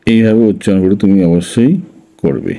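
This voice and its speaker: A man teaching an English phonics lesson, spelling out letters one by one and then sounding each syllable slowly. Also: fairly low pitch, fairly even intonation, warm tone, low-quality recording.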